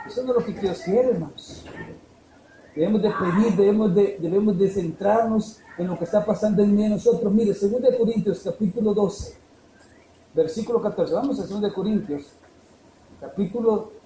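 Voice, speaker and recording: A man preaching a fervent sermon, swinging from emphatic peaks down to low, quiet lines. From El Salvador. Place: church hall. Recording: echoey church room, faint noise.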